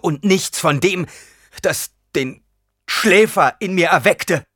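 A man voicing an anguished, bitter teenage boy who cries out in strained, high tones. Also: normal speed, bright, forceful tone, slightly rough, no echo, studio quality, exaggerated voice.

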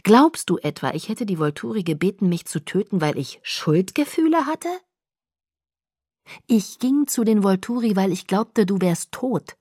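A woman's voice: mid-range voice, animated, moderate pace, breathy edge, no room sound, studio quality. Woman reading as a remorseful young vampire man. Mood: incredulous. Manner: soft, often whispered, pleading. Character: brooding young male vampire, tender and remorseful. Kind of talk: audiobook reading.

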